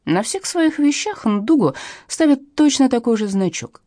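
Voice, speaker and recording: A woman's voice: a little high, big pitch swings, unhurried, warm tone, dry recording, clean studio sound, voice pushed up. Woman reading as a pompous old professor. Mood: lecturing. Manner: solemn, lecturing. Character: elderly male professor, pedantic lecturer.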